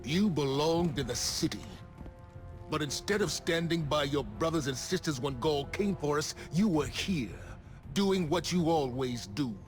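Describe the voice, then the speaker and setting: An actor playing a grave, stern male commander who speaks in measured reproach, over loud game music. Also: a little high, expressive. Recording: game cutscene with loud score.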